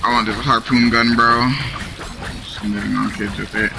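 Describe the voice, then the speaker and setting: A man bantering with friends while playing an online game, shouting out calls and repeating words when hyped. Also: lowish voice, flat delivery, normal speed, gravelly, over music. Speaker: gamer in voice chat. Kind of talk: excited casual gaming banter. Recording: noisy game-audio backdrop.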